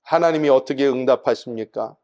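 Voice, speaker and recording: A middle-aged man, a pastor, preaching a sermon that swings from loud emphatic peaks to soft, low asides. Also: brisk.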